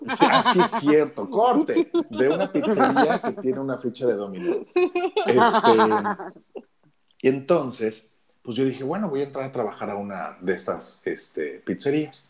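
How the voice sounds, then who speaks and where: A man with a deep voice and a Mexican Spanish accent, a radio announcer telling his story in casual chat and acting out the dialogue. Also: big pitch swings, measured pace.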